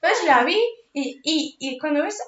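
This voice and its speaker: A young woman, co-hosting a podcast, chatty and lively as she tells stories, swearing casually. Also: high-pitched, moderate pace. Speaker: podcast co-host. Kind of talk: casual chat among friends. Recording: echoey room, dull lo-fi sound, faint hiss.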